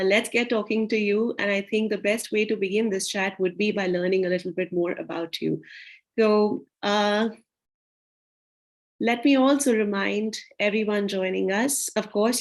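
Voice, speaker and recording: A woman hosting a virtual talk show, welcoming guests and inviting questions, with frequent fillers, over a video call. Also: medium pitch.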